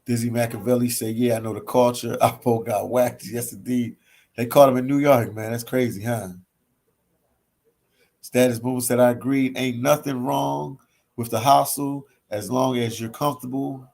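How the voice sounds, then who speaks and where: With a medium-pitched voice marked by vocal fry, a Philadelphia travel vlogger speaks at a moderate pace from a hostel library. He casually reads his livestream chat and replies, repeating phrases and often tacking on "man."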